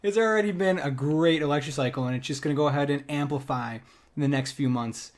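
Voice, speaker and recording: A young man co-hosting a podcast, chatting about politics in an excitable way and laughing often. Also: on the high side, fast. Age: young adult. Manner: excitable, laughs often, leans on 'go ahead and'. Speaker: podcast co-host. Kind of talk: casual political chat.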